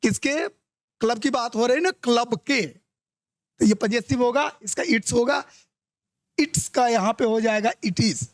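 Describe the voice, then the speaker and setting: A male English teacher giving an exam-prep grammar lesson. He reads the test sentences out slowly, explains them quickly, and keeps checking that his students follow. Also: very high-pitched, no echo.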